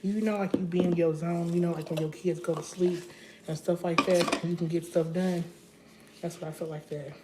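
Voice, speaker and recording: A woman's voice: on the low side, steady tone, normal speed, very noisy. A young woman chatting casually to her viewers while she cooks at home on a livestream, talking in a loose, rambling way. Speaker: vlogger cooking on a livestream. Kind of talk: casual live cooking chat. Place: home kitchen.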